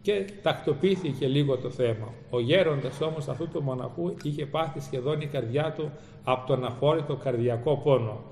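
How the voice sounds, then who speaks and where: A man's voice: medium pitch, creaky, a little mellow, a little hiss or hum. A man preaching and retelling a story dramatically, using formal church phrasing. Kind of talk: sermon storytelling. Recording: echoey hall with faint ambience.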